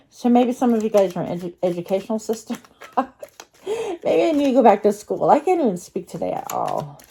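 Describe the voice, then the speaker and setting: Giving a chatty tarot reading to her viewers, a tarot card reader sounds congested with a cold. Her voice is mellow and medium in pitch, and her casual talk is sprinkled with fillers and restarts.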